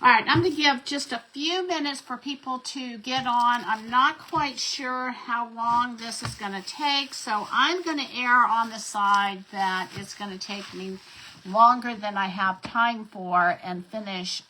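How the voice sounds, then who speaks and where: A woman's voice: on the high side, bright, forceful tone, poor audio. A middle-aged woman, chatting casually as she hosts a craft live stream and greets viewers by name. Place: home craft desk.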